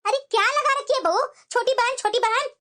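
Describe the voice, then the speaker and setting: A meddling, bossy mother-in-law from a family cartoon, her voice pitched very high. She nags and lectures in a scolding, know-it-all way, as a woman acts her out. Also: fairly quick, pushed and bright. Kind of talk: cartoon voice acting.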